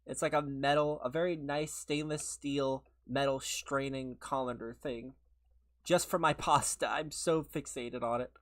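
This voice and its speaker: Mildly ill and sniffling, a male gamer chats loosely with his livestream viewers, laughing and rambling through his answers. He speaks at medium pitch with fairly even intonation, a touch slowly, in a slightly bright tone.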